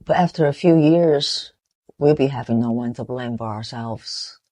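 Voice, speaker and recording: A Taiwanese woman in her forties with a Taiwanese accent, a motivational vlogger, gives an earnest, reflective talk marked by halting restarts. Her voice is mellow and extremely low in pitch.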